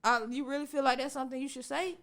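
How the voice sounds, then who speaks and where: A young woman on a casual podcast, talking fast and candidly, pushing her points with emphasis. Her voice sits a little high for a woman, and she keeps cutting in over the others. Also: steady tone, fairly bright tone. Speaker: podcast co-host. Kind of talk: casual group chat.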